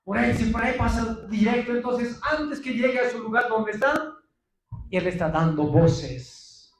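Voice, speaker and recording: A man's voice: very high voice, a little slow, reverberant. A male pastor preaching a sermon with emphasis, often calling out to his listeners and answering his own questions. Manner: emphatic preaching, often addresses the congregation as brothers; asks questions and answers them himself. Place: church.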